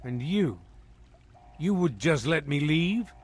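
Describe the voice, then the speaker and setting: A man playing a stern, proud military villain officer in a video game, speaking in a formal, deliberate, haughty way. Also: on the high side, big pitch swings, husky, exaggerated voice. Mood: wary, reconsidering. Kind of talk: dramatic video game dialogue.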